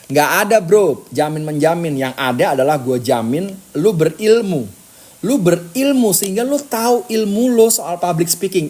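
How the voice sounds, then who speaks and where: A man's voice: a little high, a little mellow. Emphatic slangy male coach. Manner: slangy, emphatic, rhetorical questions to the viewer. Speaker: public speaking coach. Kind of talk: casual direct-to-viewer coaching talk.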